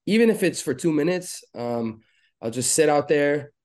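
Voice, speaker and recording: A man from Lebanon talking as a podcast guest in a relaxed, rambling way with lots of fillers. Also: a little high, normal speed. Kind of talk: casual interview chat.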